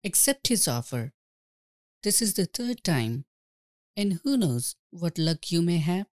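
A man's voice: on the high side, sing-song, a little slow, no room sound, studio quality. A man voicing a scheming, fickle noble wife who sweet-talks her husband. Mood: coaxing. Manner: coaxing, sweet-talking. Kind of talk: storybook reading.

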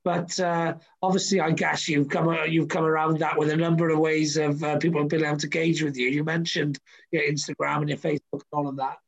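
High, gravelly man hosting a chat. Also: level tone, fairly quick, poor audio. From Wales. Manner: chatty, rambling with many fillers. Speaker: podcast host. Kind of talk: casual interview chat.

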